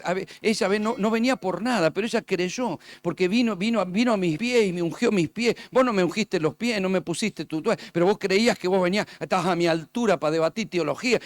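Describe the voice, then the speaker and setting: Male pastor, high voice, preaching with acted-out stories. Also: dry recording. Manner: storytelling preacher, acting out dialogue. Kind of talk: sermon.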